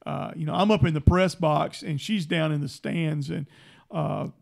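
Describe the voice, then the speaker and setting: A man's voice: fairly high pitch, moderate pace, vocal fry. A middle-aged man, a guest telling family stories on a casual talk show and acting out the voices. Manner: animated storyteller, acts out family voices. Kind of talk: casual radio chat.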